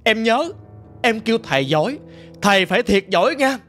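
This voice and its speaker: A man voicing the ghost of a chained dead husband, speaking in a hushed, urgent way. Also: sits high, very animated, normal speed, faint music behind.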